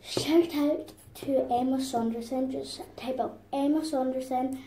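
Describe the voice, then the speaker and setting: A woman's voice: high-pitched, fairly even intonation, a little slow, mellow, roomy sound, a little hiss or hum, poor audio. A young girl chatting casually with a friend while drawing, insistent and a little bossy. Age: child. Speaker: vlog co-host.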